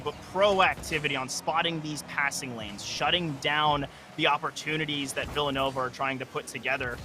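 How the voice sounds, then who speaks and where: A young man casting an esports match live, talking in a quick, analytical flow that often restarts itself mid-phrase. His voice is very bright and sharp, sitting a little high for a man. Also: a little hiss or hum. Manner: energetic analytical play-by-play, frequent restarts. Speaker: esports color commentator. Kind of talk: live game commentary.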